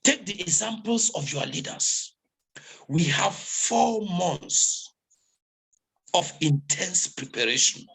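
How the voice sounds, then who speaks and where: A man's voice: high-pitched, expressive, takes it slowly, vocal fry, fairly bright tone, husky. A man hosting an online meeting, giving a preachy motivational talk to the crowd over a video call. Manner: preachy, exhorting crowd, repetitive.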